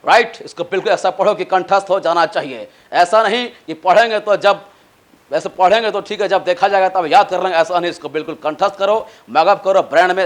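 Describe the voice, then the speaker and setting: A man with an Indian accent teaching spoken English, spelling words letter by letter and drawing out his English examples slowly, urging students to memorize. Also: fairly high pitch. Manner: lecturing, exhorting students to memorize. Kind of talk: spoken English lesson in Hindi.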